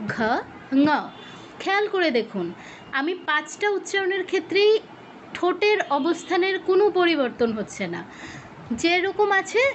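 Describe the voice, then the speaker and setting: High-voiced woman teaching pronunciation online. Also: a little hiss or hum. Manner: slow, demonstrates sounds syllable by syllable. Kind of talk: online class instruction. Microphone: video call. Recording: dull lo-fi video call audio.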